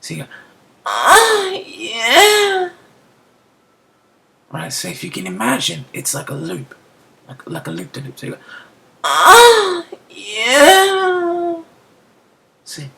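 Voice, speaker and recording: Speaking fast in a gravelly, mid-range voice, this beatbox tutor casually breaks a technique down step by step. He keeps checking in with "right?" and drops into quiet whispered asides.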